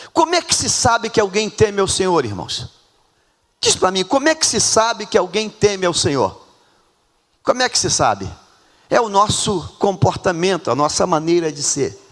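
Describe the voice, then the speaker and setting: A Brazilian man with a Brazilian Portuguese accent preaching a sermon in a church, dramatic, swinging between hushed and loud, calling on members of the congregation by name. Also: high voice, wildly swooping pitch, a little slow, pauses often. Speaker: pastor. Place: church sanctuary. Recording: reverberant church hall.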